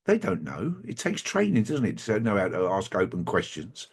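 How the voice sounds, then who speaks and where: Brief: male guest, slightly low pitch, halting and wry, remote call. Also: huge pitch swings, slightly rough. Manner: halting, wry anecdotal storyteller. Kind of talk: conversational interview.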